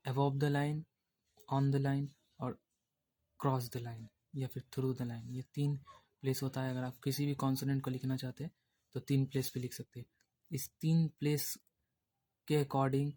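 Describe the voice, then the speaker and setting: Man, shorthand teacher, lesson, flat intonation, repetitive explaining. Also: mid-range voice. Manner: repetitive explaining, checks in with "theek hai". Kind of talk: classroom lesson explaining at a board.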